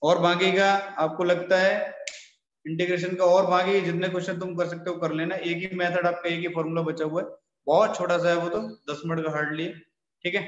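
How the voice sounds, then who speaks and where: A man's voice: sits high, level tone, fairly quick. A man teaching a maths class and giving instructions to his students, often checking in with "okay". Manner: instructive, repeats "ठीक है" often. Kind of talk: online class wrap-up. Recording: echoey, dull, lo-fi hall sound.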